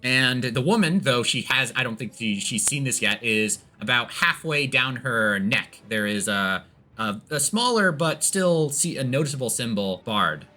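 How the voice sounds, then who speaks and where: A man narrating as game master of a tabletop game, halting with many restarts. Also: mid-range voice, lively intonation, pushed and bright, soft background music.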